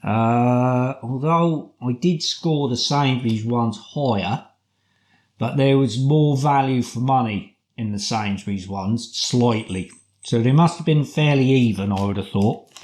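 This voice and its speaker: A man with a British accent giving a casual product review in a chatty, deliberate way, often posing rhetorical questions. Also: mid-range voice, darkish tone. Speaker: food review vlogger.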